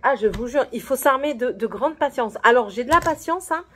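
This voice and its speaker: A young woman with a husky voice, telling a story about her coworker in a casual vlog, full of quoted dialogue. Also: on the high side, brisk. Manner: animated, retelling a workplace story with quoted dialogue. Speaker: vlogger.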